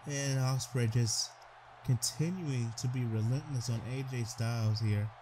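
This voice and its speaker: A man giving excitable play-by-play commentary over a wrestling video game, stumbling over his words and calling out to the wrestlers. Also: medium pitch, measured pace, background noise.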